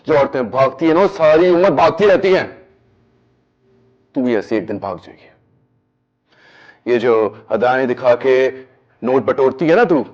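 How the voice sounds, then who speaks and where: An actor playing a paranoid, violently jealous husband who rants and shouts in a TV horror drama. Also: male voice, mid-range voice, lo-fi sound, close to an everyday voice. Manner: ranting, shouting, swinging between growls and yells.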